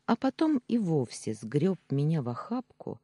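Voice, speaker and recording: An audiobook narrator reading first-person fiction in a slow, expressive way. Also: mid-range voice, slightly rough, no echo.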